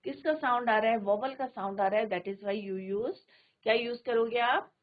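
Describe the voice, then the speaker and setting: A woman with an Indian accent leads a virtual classroom lesson, posing question after question to the pupils and answering each one herself. Her voice sits fairly high. It comes through a narrow, phone-like channel. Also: moderate pace. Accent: Indian English. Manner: asks pupils questions and answers them herself, mixing Hindi and English. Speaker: English teacher.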